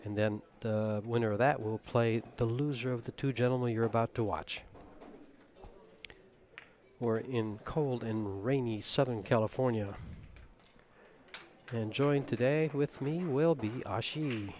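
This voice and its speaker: Man, mid-pitched, easygoing pool commentator, knows the tables, chats his way through the play. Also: unhurried. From Tucson, Arizona. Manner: relaxed, knowledgeable, chatty.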